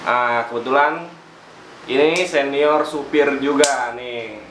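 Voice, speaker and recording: A man with a Jakarta-area Indonesian accent runs an easygoing interview. His voice sits at a middle pitch, and he banters in slang, repeating answers back. The room is echoey, with clear noise behind him. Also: takes it slowly. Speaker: host. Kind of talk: casual chat interview.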